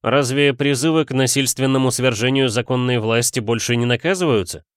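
A man voicing a confident, shameless gentleman police detective who speaks with poised irony. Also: medium pitch, fairly quick, clean tone, dry recording, studio quality, lightly acted. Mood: ironic.

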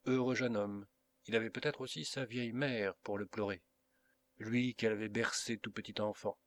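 A man's voice: lowish voice, normal speed. Man reading an adventure novel dramatically. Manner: dramatic, expressive storytelling. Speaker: audiobook reader. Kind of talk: scripted narration of a classic novel.

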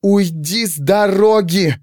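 A man voicing a proud young woman who shouts in anger and tears, his voice pushed high. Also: takes it slowly, dry recording, clean studio sound. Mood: furious. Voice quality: shrill cries, raised high.

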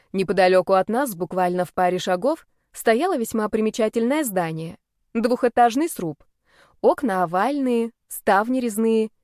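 A woman narrating a first-person audiobook in a lively, expressive way, turning indignant and playful when she speaks as the heroine. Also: mid-range voice, no echo, studio quality.

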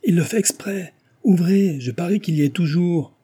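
A man voicing a skeptical, excitable young woman in an audiobook, speaking in sharp, insistent exclamations. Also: mid-range voice, normal speed, slightly rough, no echo. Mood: excited.

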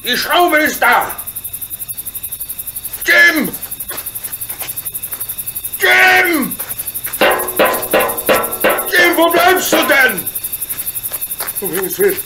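A man's voice: very high voice, sing-song, very slow, long pauses, sharp tone, faint music behind, exaggerated voice. A man playing a burly, kindly, fatherly locomotive engineer in a German radio play, earnest and comradely in manner. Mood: frantic, then relieved. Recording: noisy recording with cricket chirps behind. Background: chirping crickets, night ambience.

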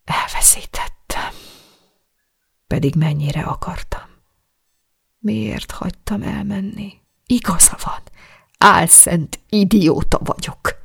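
A reader voicing a hurt young woman in love who pleads and breaks down in a shaky whisper, with a gravelly, husky tone. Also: mid-range voice, animated, a little mellow, voice pushed up. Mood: sobbing whisper. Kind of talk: audiobook dialogue.

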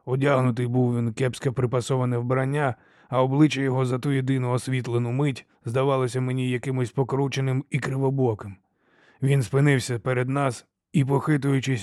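A man reading an audiobook in a steady, measured first-person telling. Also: medium pitch, dry recording, studio quality. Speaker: audiobook reader. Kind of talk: scripted audiobook narration.

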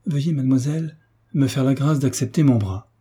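A man's voice: mid-range voice, fairly quick, warm tone, husky, voice pushed up, close to an everyday voice. A man reading a proud, ambitious nobleman in a French audiobook, with formal, tense politeness. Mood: stiffly polite.

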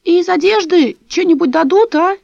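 A woman's voice: very high-pitched, moderate pace, gravelly, darkish tone, dry recording, voice pushed up. A woman voicing a fussy, suspicious old female neighbor who chatters and repeats herself, on a dull, dry recording. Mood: wary, wheedling.

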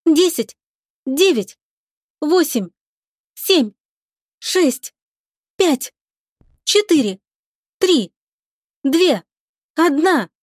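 A woman voicing an eager, dutiful young woman pilot on a starship, reporting briskly to her captain in an audiobook. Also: high voice, sing-song, no room sound, studio quality, pitched above the performer's own voice, exaggerated voice.

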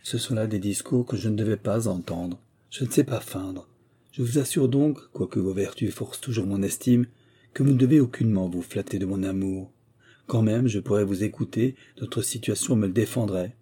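A man reading a gentle young heroine. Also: fairly low pitch, moderate pace, husky. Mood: gentle, firm. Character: gentle young woman, tender but firm.

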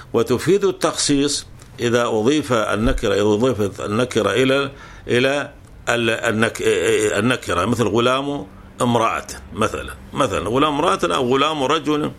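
A man's voice: medium pitch, fairly bright tone. A man teaching a grammar lesson, patiently explaining with examples and often restarting words.

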